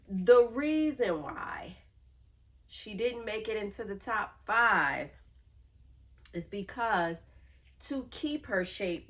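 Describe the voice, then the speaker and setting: Slow, low-voiced nasal woman vlogger. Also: a bit bright. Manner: chatty, drawn-out emphasis, affectionate. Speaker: handbag collection vlogger. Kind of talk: casual chat to camera.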